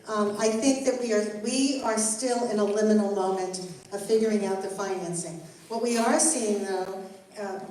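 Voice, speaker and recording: An older woman serving as guest rabbi leads Torah study with Q&A in a synagogue hall, earnest and encouraging as she addresses the group directly. Her mid-range, mellow voice is picked up by a distant mic in a very echoey room, with a faint hiss underneath.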